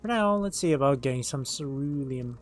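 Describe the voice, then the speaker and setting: A man's voice: medium pitch, lively intonation, moderate pace. Man reading game dialogue aloud over music. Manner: acts out the written dialogue as they read. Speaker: game streamer.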